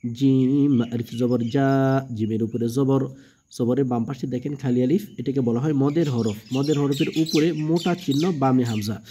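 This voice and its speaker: A man's voice: moderate pace, warm tone, a little hiss or hum. A man teaching Quran reading. He spells out letters and vowel marks one by one, drags out the long vowels and often checks in with his listeners. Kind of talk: slow spelling-out lesson. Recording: muffled low-fidelity audio.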